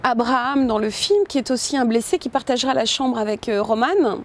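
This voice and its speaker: A woman's voice: on the high side, fairly quick. A woman film director talking in an interview, thoughtful and informal, with frequent hesitations and restarts. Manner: informal, addresses listener with "tu vois". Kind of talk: interview about her film.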